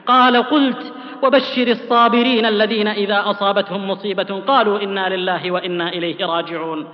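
A man preaching a sermon, telling old stories fervently and dropping low and soft on solemn phrases. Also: in a large hall, muffled recording. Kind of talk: sermon with storytelling.

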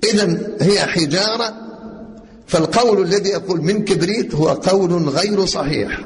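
A man's voice: high-pitched, normal speed. A man with an Egyptian Arabic accent gives a religious lesson on Quran commentary and quizzes his listeners with rhetorical questions. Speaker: religious teacher. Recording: long reverb, faint noise.

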